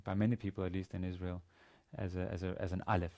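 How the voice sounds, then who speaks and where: A Danish-accented teacher in his forties, from Denmark, lectures on language in a grey-backdrop studio. His voice is very low and mellow, with vocal fry, and his delivery is flat. He's hesitant and halting and keeps repeating small words.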